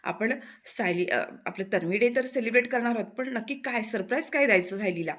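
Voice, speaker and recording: A woman's voice: a little high, fairly quick, a bit bright. An old grandmother presses her family to get serious and choose a plan, voiced by a woman narrator. She sounds practical and a little impatient. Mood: urging. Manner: urging, practical. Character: older grandmother, head of family.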